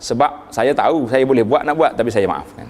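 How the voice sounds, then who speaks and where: A man giving a religious lecture, reciting Arabic verses and rising sharply in pitch for emphasis. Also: a little fast, a little mellow, slight background noise. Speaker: preacher.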